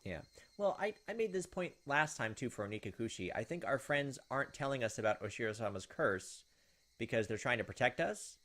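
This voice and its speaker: His mid-range voice has a fairly bright tone, and he speaks in an animated, fairly quick way. The gaming video host shifts from casual commentary on his playthrough to reading the game's story text aloud.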